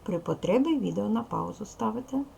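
A woman's voice: medium pitch, lively intonation, fairly quick, gravelly, a little mellow, a little hiss or hum. A woman teaching second graders in a recorded video lesson, patiently spelling out sounds and syllables one by one. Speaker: primary school teacher.

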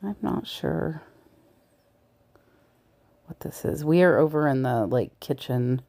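Low, mellow and slow, a woman's voice guides viewers through the shelves of a large thrift store as she hunts for items to resell. This casual shop-with-me narration sometimes drops to a whisper, recorded on a body-worn camera mic from her point of view.

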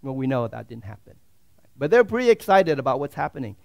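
A man preaching a sermon as a pastor in a church, swinging from loud, fervent declarations to hushed, quiet asides. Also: medium pitch, big pitch swings, fast, creaky.

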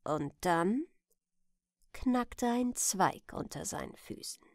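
A woman reads a bedtime story slowly and gently, her pitch rising and falling in a lively way. She drops to a whisper when the story turns tense. The sound is close and dry. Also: no room sound. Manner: soft and slow, whispering at tense moments. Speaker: audiobook narrator.

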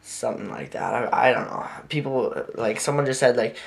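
A man's voice: mid-range voice, normal speed, creaky. A man who is sick, chatting casually in a vlog as he edits videos, rambling with lots of fillers and correcting himself. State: sick, with a sickly voice. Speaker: vlogger. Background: faint music playing.

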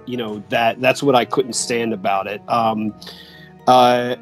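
A man's voice: mid-range voice, steady tone, a little slow, soft background music. A man, a podcast co-host, talking in a casual, agreeable way with lots of fillers over a video call. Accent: Philadelphia. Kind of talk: casual chat.

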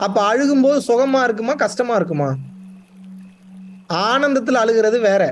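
A man with a very high voice delivers a spiritual discourse to a class. He keeps asking rhetorical questions and repeats words to drive his points home, with faint music underneath. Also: expressive, moderate pace. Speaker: spiritual teacher.

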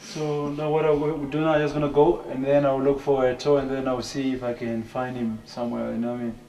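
A man's voice: medium pitch, level tone, quick pace, mellow, close to an everyday voice. A young man playing a caring brother who talks to his sick sister in a soothing, reassuring way in an amateur film drama. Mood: determined. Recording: echoey room, faint background noise.

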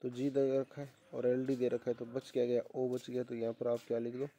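A man's voice: medium pitch, completely flat delivery, brisk, mellow. A male teacher going through an exam paper, repeating questions back to his students and spelling words out letter by letter. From India.

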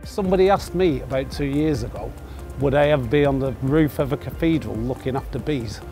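An older man, a volunteer being interviewed outdoors, talking in a plain, soft-spoken way. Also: mid-range voice, brisk, soft background music. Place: outdoors, garden. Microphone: lapel.

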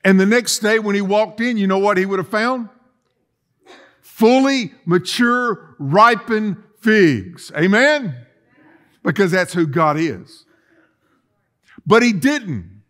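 A man's voice: high voice, expressive, slow, pauses often, fairly bright tone. A middle-aged man preaching a sermon as pastor, emphatic and full of rhetorical questions and repetition, recorded in a church sanctuary. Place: church sanctuary, empty chairs.

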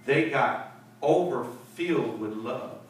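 A middle-aged pastor, speaking slowly and animatedly at a medium pitch, leads a Bible study with emphatic preaching, word repetition, and calls for response. He addresses a seated group in a church fellowship hall. A far-off camera captures his handheld mic, so the hall echoes and there's faint hiss.

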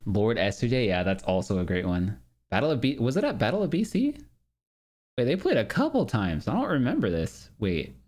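A man in his thirties streaming from home, chatting casually as he watches old match videos, excitable and quick to cheer and laugh. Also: medium pitch. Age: 30s. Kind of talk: casual reaction chat.

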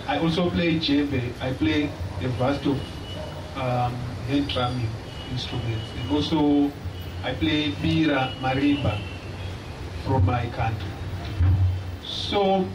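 This young drummer with a Zimbabwean accent teaches a live audience in a small indoor stage hall, his slightly high voice unhurried, friendly, and plain, broken up by many pauses. The recording is from a far camera although he uses a stand mic, leaving his voice distant, echoey, and noisy.

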